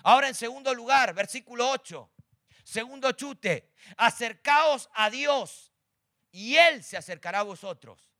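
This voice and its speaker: A male preacher gives an emphatic sermon, asking rhetorical questions and swinging from hushed to loud. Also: very high-pitched.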